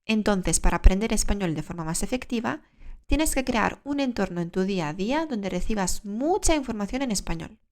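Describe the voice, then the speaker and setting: Clear-spoken woman teaching Spanish. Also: mid-range voice, lively intonation. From Spain. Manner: clear, measured explaining, asks the listener questions. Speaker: Spanish teacher and podcast host. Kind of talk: scripted podcast lesson for learners.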